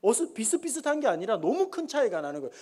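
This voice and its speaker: A male pastor preaching a sermon in a church, telling stories in an animated way and acting out the characters' voices. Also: very high-pitched, fast talker. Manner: animated storytelling with acted-out voices. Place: church sanctuary.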